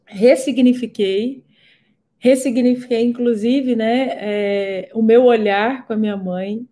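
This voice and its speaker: Woman instructor, testimonial storyteller, repeats for emphasis, mellow and warm. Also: on the high side. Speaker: therapy co-creator and instructor. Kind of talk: personal testimony in a talk.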